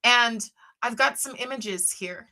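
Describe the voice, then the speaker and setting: Bright-voiced woman hosting an interview. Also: fairly high pitch. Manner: quick affirming interjections. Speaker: podcast host. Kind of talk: conversational interview.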